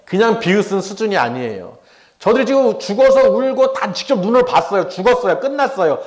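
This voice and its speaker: A man's voice: sits high, big pitch swings, a little fast. A middle-aged man preaching a sermon as pastor. He dramatizes the voices of scoffers and of Jesus, and he calls out to the congregation for amens.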